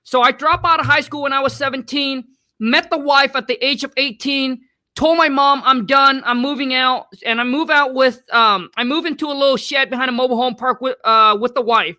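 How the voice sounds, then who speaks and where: A man's voice: extremely high pitch, steady tone, fairly quick, pushed and bright. A man from Vietnam, a guest talking in a casual, slangy, earnest way over a video call. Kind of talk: casual interview storytelling.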